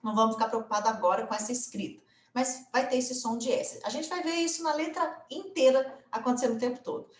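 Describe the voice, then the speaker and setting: A Brazilian woman teaching English grammar in a casual video lesson, chatty and full of little tag questions, slowing down to spell out example phrases. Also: a little high, roomy sound. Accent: Brazilian Portuguese.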